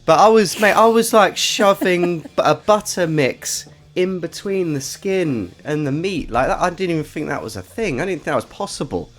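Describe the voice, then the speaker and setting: A man co-hosting a podcast, chatting casually and telling stories animatedly, getting loud when excited. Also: on the high side, moderate pace, few pauses. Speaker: podcast co-host. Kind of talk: casual chat.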